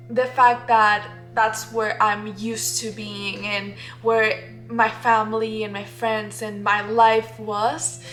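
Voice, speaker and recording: A young painting vlogger from the Dominican Republic narrates her process in a casual, reflective way, candid and laughing often, with light music behind her. Her voice is a little high and a bit bright.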